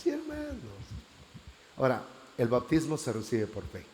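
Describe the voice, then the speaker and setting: A man preaching a church class, telling his story with lively acted-out prayers. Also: medium pitch, normal speed, slight background noise. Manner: animated storytelling, acting out prayers.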